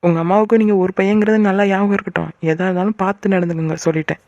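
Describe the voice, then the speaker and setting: A quick-tempered young wife in a cartoon who flares up at any teasing, voiced by a woman. She speaks extremely fast and sharply. The sound is dry and close. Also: mid-range voice, fairly even intonation, no room sound, dull audio, lightly acted. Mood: huffy. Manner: huffy, sharp-tongued. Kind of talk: cartoon voice acting.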